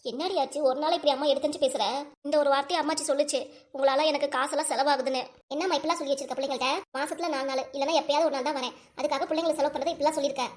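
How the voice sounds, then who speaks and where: A woman's voice: sits high, steady tone, very fast, natural voice. A woman with a Tirunelveli Tamil accent voicing a young mother who defends her children and complains in a cartoon. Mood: indignant. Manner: indignant, complaining.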